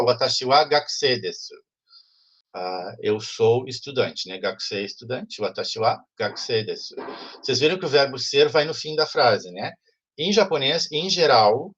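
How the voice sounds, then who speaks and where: A man teaches an online language class at a mid pitch. His voice is husky, and he keeps checking that the students follow. The call audio is muffled. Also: a bit bright. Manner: explanatory, frequent "né?" checks with students.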